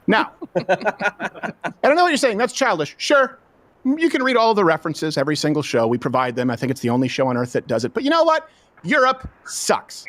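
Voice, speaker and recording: A man's voice: high voice, very animated, a little fast, a bit bright, dry recording. A man hosting a casual political talk show, sarcastic and mocking, laughing at his own jabs. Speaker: host.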